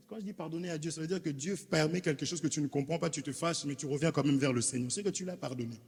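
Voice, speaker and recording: A man's voice: fairly high pitch, darkish tone, breathy edge. A man with a Congolese accent, a preacher delivering an emphatic sermon with rhetorical questions to his congregation in a church hall. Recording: reverberant hall.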